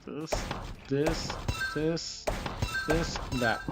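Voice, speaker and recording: Speaking very slowly in a voice on the high side, a male streamer reacts to a game during a casual livestream. He mutters and repeats phrases while loud music plays in the background.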